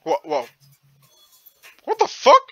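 A man's voice: slow, dull audio, faint music behind. A young man from Zimbabwe on a headset in a small room, teasing a stranger in casual video chat, stammering and swearing often.

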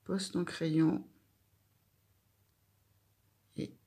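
A woman's voice: lowish voice, flat delivery, drawn-out words, creaky, mellow. A woman teaching a child handwriting, giving patient step-by-step instructions.

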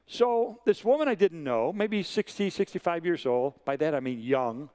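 A guest preacher in his sixties tells stories in a sermon, leaning on emphatic, repeated phrases with animated energy. His voice is fairly high and clean, and he speaks at a normal speed.

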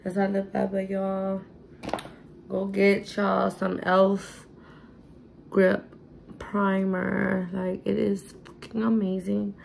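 A woman's voice: medium pitch, completely flat delivery, slow pace, creaky, pauses often, a little mellow, a little hiss or hum, low-quality recording. A tipsy young woman, chatting casually through a makeup tutorial in a rambling, sassy way, swearing freely. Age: young adult. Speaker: beauty vlogger.

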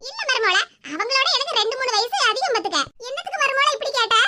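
A woman's voice: very high voice, big pitch swings, fast talker. A woman playing a bossy older mother-in-law. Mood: commanding. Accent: Tirunelveli Tamil. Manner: commanding, scolding. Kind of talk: cartoon voice acting. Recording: loud background noise.

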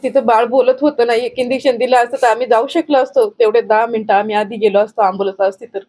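A woman's voice: a little high, steady tone, fast, a little mellow. A middle-aged woman, giving a grieving, urgent account in a news interview. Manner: grieving, urgent, recounting in detail. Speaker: bereaved grandmother interviewed.

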